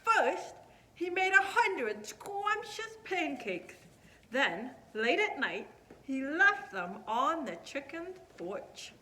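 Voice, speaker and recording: A woman hosting a children's puppet storytime, narrating with expressive, emphatic delivery. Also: high-pitched, slow.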